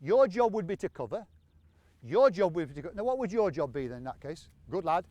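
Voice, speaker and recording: A man coaching young football players on an outdoor pitch, calling out encouragement and instructions to them. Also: very animated, a little fast, warm tone. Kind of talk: coaching players during a training drill.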